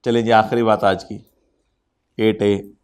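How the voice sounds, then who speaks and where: A man's voice: lowish voice, flat delivery, slow pace, a little mellow, smooth. A man lecturing an accountancy class, teasing his students and dropping English terms into his explanation. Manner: code-switches into English terms.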